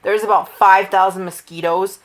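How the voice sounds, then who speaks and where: A woman's voice: mid-range voice, fairly even intonation, moderate pace. A woman from New England co-hosting a casual podcast, talking earnestly and with emphasis. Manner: earnest, emphatic about details. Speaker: podcast co-host. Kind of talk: casual chat.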